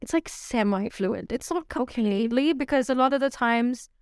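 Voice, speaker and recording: A woman's voice: fairly high pitch, normal speed, smooth, no room sound, studio quality. A woman raised outside Pakistan, whose first language was Urdu, co-hosting a podcast in casual, emphatic chat. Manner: animated, emphatic, repeats herself for stress. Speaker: podcast co-host.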